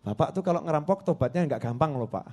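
A man's voice: fairly high pitch, animated, fast, dark tone. A man voicing a puzzled, probing man who keeps questioning a former robber in disbelief. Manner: questioning, incredulous.

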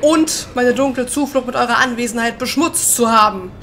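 A woman voicing a menacing, arrogant serpent demon from a video game, loud, grandiose and threatening. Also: on the high side, moderate pace, slight background noise. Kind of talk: dramatic video game villain read-aloud.

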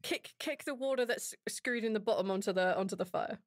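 A woman's voice: mid-range voice, brisk, no room sound. A woman player in a tabletop game, playful and giggly, describing her character's actions. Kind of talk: casual tabletop role-play chat.

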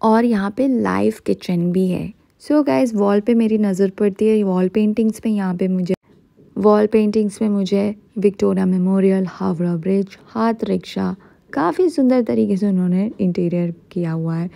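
Gravelly-voiced young woman food vlogger. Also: medium pitch, mellow, no room sound. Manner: chatty, mixes Hindi and English, slows right down on English phrases. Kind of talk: casual vlog narration. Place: outdoors on a tree-lined road, then inside a cafe. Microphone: phone at arm's length.

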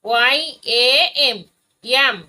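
A woman teaching a phonics lesson for young children, spelling out letters and sounds one by one with patient, deliberate delivery. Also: on the high side, fairly even intonation, pushed and bright, poor audio.

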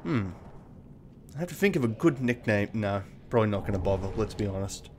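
A man with a lowish voice talks through his game run in a loose, offhand way. His humor is dry and self-mocking, and he drops the odd swear word without fuss. A faint hiss sits under his voice. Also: expressive, fairly quick, darkish tone. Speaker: let's play host. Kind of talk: casual gameplay commentary.

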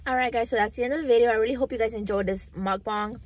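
A young adult woman talking informally to viewers during a mukbang in a parked car, unhurried and casual between bites of food. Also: fairly high pitch. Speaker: mukbang vlogger. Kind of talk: casual chat to viewers while eating, mukbang.

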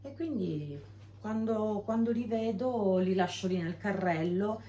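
A woman's voice: medium pitch, unhurried, mellow, a little hiss or hum. A middle-aged woman vlogging at home, chatting to a camera across the room about cheap buys and their prices. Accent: Italian. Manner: chatty, explaining purchases and prices. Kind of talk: casual chat to camera. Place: bedroom at home, indoors. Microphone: camera on a stand across the room. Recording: echoey room.

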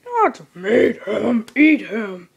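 Hungry cartoon dinosaur played by a woman: dopey, grumbling, dragged-out lines, pitched below the leprechaun. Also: very animated, very slow, creaky, husky, lo-fi sound, full character voice. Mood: whining.

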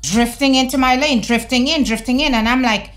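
A middle-aged woman vlogs at her desk, her voice pitched high and lively. She talks in a conversational, sermon-like way, tossing in slang. A faint bed of music plays behind her. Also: brisk. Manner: animated, conversational, preachy asides with slang. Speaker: vlogger. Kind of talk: casual opinion vlog. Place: home room, indoors. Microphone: fixed camera at desk.

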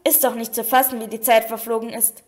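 A woman's voice: fairly high pitch, little pitch movement, a little fast, a little mellow, natural voice. A woman voicing a vain, pompous, chattering male teacher in a storybook reading. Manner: pompous, self-satisfied.

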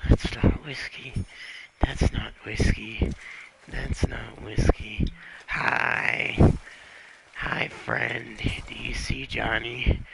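A man's voice: on the low side, very animated, very slow, crowd noise, heavily acted, rough recording. A man voicing a whiskey-craving undead cowboy who talks about himself in broken third-person speech during game role-play. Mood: desperate. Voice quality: gravelly. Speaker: streamer. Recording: loud game noise behind.

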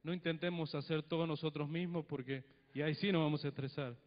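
With a fairly high, steady voice and a fast pace, a middle-aged man from Mendoza, Argentina, preaches in his Cuyo accent on a handheld mic in a church hall. The sermon stays chatty, with frequent tag questions and little dialogues he acts out. Its lo-fi sound is dull, carrying a long hall reverb.

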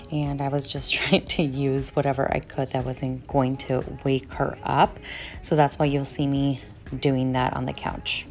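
Young female vlogger, low-pitched, rambling casual narration over soft music. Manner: chatty, rambling asides to viewers. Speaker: cleaning vlogger. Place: home living room.

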